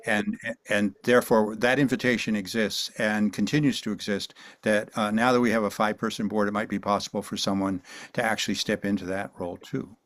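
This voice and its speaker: A man lays out a point at a local board meeting in a formal, measured way. His voice is low and flat, and it sounds dry and close. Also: no echo. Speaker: committee member. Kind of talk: town meeting discussion.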